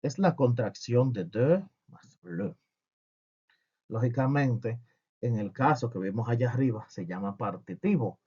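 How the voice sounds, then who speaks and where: Guy teaching french, jokey, slow and husky, kinda dull lo-fi sound. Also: medium pitch. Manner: lively, jokey, asks and answers his own questions. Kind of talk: humorous language lesson.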